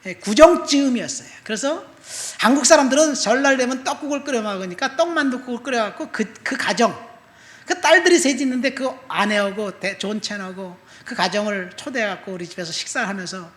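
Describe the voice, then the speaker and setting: A middle-aged male pastor preaching a sermon, telling a personal testimony and moving between soft asides and loud emphatic appeals. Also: very high-pitched, brisk. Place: church sanctuary. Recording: echoey church room.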